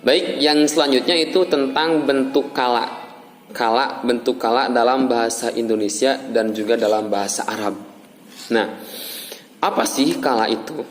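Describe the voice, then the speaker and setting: A man's voice: medium pitch, moderate pace. Young man student presenter, explanatory and chatty, long reverb around the voice, faint noise behind. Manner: explanatory, conversational asides. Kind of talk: class presentation.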